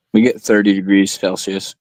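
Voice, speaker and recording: A man's voice: low-pitched, darkish tone, no echo, poor audio. A man in his late thirties chatting casually, laughing often and swearing freely. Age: 30s. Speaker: chat participant. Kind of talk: casual chat.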